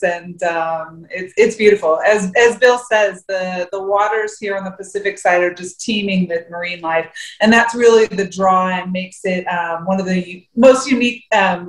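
A woman from California who runs a tour business, answering interview questions in a chatty way with many ums. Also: mid-range voice. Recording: echoey room.

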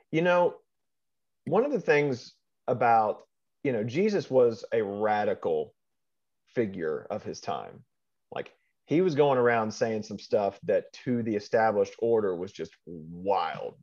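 A man's voice: mid-range voice, darkish tone, muffled recording. A man co-hosting a casual faith podcast, talking in rambling bursts with lots of fillers. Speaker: podcast co-host.

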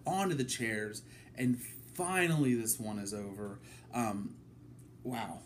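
A man hosting a casual wrestling review from his apartment, talking it through in a halting way with many ums. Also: medium pitch, a little hiss or hum. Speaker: wrestling podcast host.

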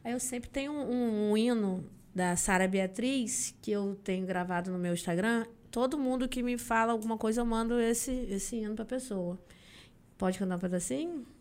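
A young woman from Brazil, a singer guesting on a podcast, telling a story in a casual, animated way and acting out the voices of the people she quotes. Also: a little high, normal speed.

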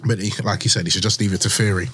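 A deep-voiced man with a London accent talks casually and in slang. He repeats short phrases to drive each point home. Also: fairly even intonation, racing, fairly bright tone, slight background noise. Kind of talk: casual chat.

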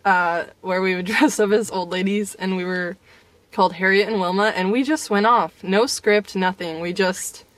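A woman's voice: medium pitch, fairly even intonation, normal speed, no echo. Giggly young woman co-host. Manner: giggly, laughs often. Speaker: podcast co-host. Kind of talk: casual chat.

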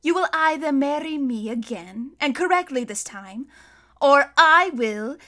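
Woman playing a loud, menacing theatrical villain count. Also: high voice, animated, unhurried, voice pushed up, full character voice. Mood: threatening. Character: menacing theatrical villain count, adult man, scheming and angry. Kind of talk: audiobook character voice.

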